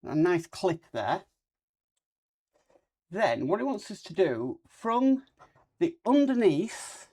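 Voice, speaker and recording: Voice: mid-range voice, mellow. A person hosting a casual hands-on model-building video, talking with a cold sore on the lip. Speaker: host of a model-building channel.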